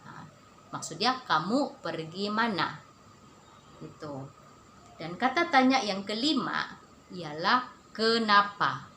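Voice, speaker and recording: A woman teaches vocabulary at an unhurried pace, saying each term twice. Her voice is bright and clear. She is recorded in an echoey room with a faint hum of ambience behind her. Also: medium pitch, expressive. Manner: repeats each word slowly, with a rising stress on the local terms. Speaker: language teacher. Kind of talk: slow spoken lesson.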